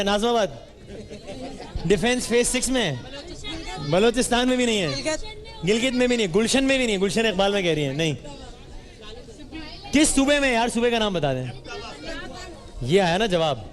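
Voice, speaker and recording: A man hosting a live studio quiz, teasing and bantering quickly with the audience. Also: high voice, animated. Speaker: game show host. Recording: roomy hall with music and crowd.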